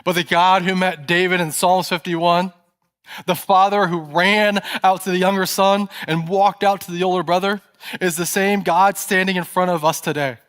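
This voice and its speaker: Higher-voiced man preaching a story sermon. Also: clear, resonant tone. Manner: storytelling sermon, dropping to soft, hushed tones at tense moments. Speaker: pastor. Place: church.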